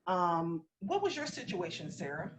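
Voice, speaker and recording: A woman host guiding a panel talk and sharing her own experience in a steady manner. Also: on the low side, normal speed. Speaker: podcast host. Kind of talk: hosting a discussion panel.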